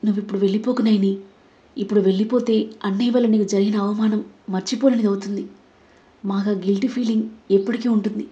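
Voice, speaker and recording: Casting note: a gentle, remorseful young woman read by a woman for an audio story, lo-fi. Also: medium pitch, fairly even intonation, fast talker, lightly acted. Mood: pleading. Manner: soft, pleading. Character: gentle young sister, pleading and ashamed.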